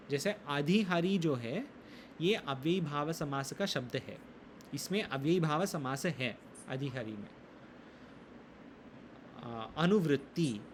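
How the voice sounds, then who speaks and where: A man teaching a Sanskrit grammar lesson, explaining rules slowly, reciting sutras and quizzing his students. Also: a little high, a little hiss or hum. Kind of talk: classroom lesson in Hindi.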